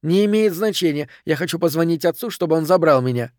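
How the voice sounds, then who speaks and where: A man's voice: a little high, expressive, fast talker, a little mellow, no echo, studio quality, pitched above the performer's own voice, natural voice. A man voicing a fed-up young woman who answers with biting sarcasm. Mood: curt.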